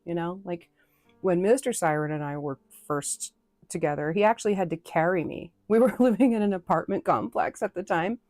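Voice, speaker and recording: Woman, from New England, lowish voice, casual live chat, rambling with fillers, dry sound. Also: a little mellow, no room sound. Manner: chatty and rambling, with frequent fillers and restarts. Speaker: streamer chatting with viewers.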